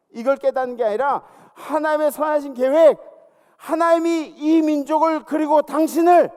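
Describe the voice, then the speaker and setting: A man's voice: extremely high pitch, darkish tone. A male pastor preaching a sermon, exhorting and calling out to his congregation. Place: large church sanctuary. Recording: long church hall reverb.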